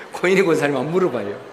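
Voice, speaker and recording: A male pastor preaching a Sunday sermon, exhorting the congregation and questioning them as he tells a story. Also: fairly high pitch. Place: church sanctuary. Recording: reverberant church hall.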